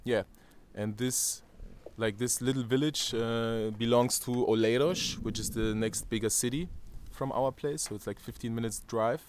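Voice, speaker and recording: A man's voice: medium pitch, steady tone, normal speed, hardly any pauses, darkish tone, slight background noise. A man in his thirties from Germany with a German accent, interviewed outdoors on a terrace, talking hesitantly with many fillers and restarts. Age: 30s. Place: outdoor terrace above a valley.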